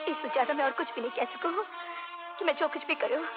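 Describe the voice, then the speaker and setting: An actress playing a dutiful young daughter-in-law who pleads earnestly. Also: female voice, sits high, brisk, natural voice. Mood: pleading. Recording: dull film soundtrack with music.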